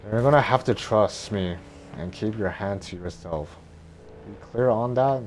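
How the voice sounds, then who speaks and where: Man reading as Mushu, a boastful, slow-talking little dragon. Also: lowish voice, darkish tone, natural voice. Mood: bossy. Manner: blustering, stumbling script reading. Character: boastful bossy little male dragon guardian. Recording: noticeable background noise.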